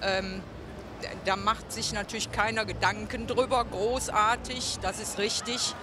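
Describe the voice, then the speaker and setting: An older man with a high voice answers bluntly and dismissively in a street interview. Clear street noise sits behind. He speaks into a handheld mic outdoors. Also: flat delivery, measured pace.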